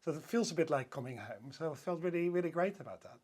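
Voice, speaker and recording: This podcast guest, a hotel sales director from the Netherlands, has a Dutch accent and a fairly high, expressive, slightly mellow voice. He talks quickly and eagerly in a casual interview, stumbling into restarts and many fillers.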